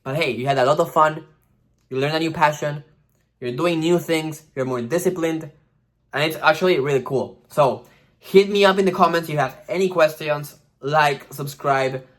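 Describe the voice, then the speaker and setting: In a fairly high voice at a moderate pace, this young vlogger gives relaxed, lively tips on launching a vlog channel. He curses without restraint and does goofy voices to play the algorithm.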